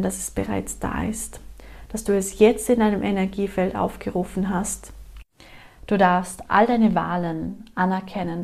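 A woman with a medium-pitched voice acts as a meditation guide. She speaks straight to the listener, giving gentle instructions. Her phrases often repeat as invitations. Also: vocal fry.

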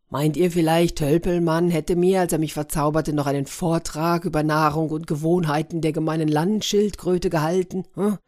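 A woman's voice: deep voice, darkish tone, natural voice. A woman voicing a grumpy, sarcastic man trapped in a turtle's body, in a storybook reading. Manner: irritable, sarcastic.

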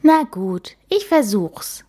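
A grumpy, doubtful little girl , as a woman reading aloud puts her on. Her voice is raised and breathy, childlike and sulky in a storybook way. She speaks slowly with lots of rise and fall. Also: medium pitch, sing-song, warm tone, pitched above the performer's own voice, exaggerated voice.

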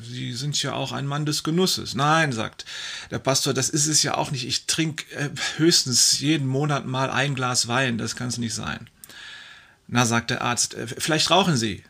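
Male joke teller, bright tone, fry-heavy, unhurried storyteller with fillers. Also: mid-range voice, steady tone. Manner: leisurely storytelling with fillers, acting out the voices. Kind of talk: telling jokes to an audience.

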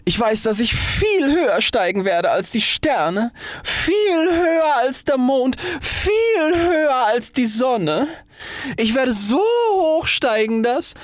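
A man's voice: medium pitch, huge pitch swings, moderate pace, dry recording. A man voicing a vain, pompous old firework rocket in a storybook reading. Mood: ecstatic. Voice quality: pompous, grandiloquent.

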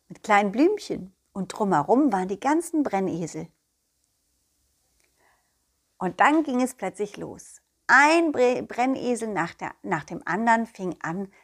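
Woman reading a kids story slowly, playful, voice goes all over the place. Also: mid-range voice, big pitch swings, slightly rough. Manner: playful, slow, giggles between lines. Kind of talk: first-person children's story narration.

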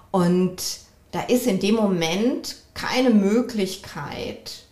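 A woman coach and couples therapist hosting her own podcast, speaking in a measured, reflective way and often affirming herself with a soft "ja". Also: medium pitch, reverberant. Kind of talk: calm solo podcast talk.

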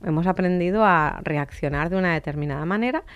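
A woman's voice: lowish voice, fast talker, clean tone, dull audio. A middle-aged woman talking casually and reflectively about emotions, musing as she goes. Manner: reflective, many fillers and restarts.

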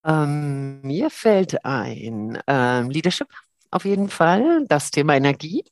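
A woman's voice: deep voice, very animated, takes it slowly. A middle-aged woman from Germany, a guest on a podcast, talking thoughtfully with many fillers and restarts. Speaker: podcast guest, leadership academic. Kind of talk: casual podcast interview.

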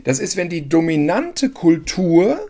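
A man's voice: a little high, sing-song, unhurried, dark tone. A man co-hosting a podcast, chatting casually, teasing his partner and searching for words with fillers. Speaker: podcast co-host.

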